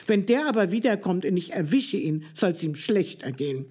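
A reader voicing an excitable young boy in a storybook reading. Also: medium pitch, normal speed, husky. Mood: excited. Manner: eager, indignant exclamations.

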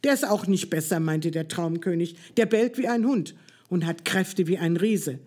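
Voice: mid-range voice, moderate pace, a little mellow, close to an everyday voice. A reader voicing a kindly, playful king of dreams in a storybook reading. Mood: amused. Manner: friendly, teasing storyteller.

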